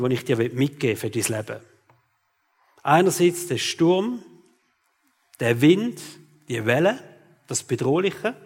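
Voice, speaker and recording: A man's voice: a little high, husky, in a large hall. A man, preaching a sermon as pastor and talking straight to his listeners, often tagging his sentences with "oder?". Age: 40s.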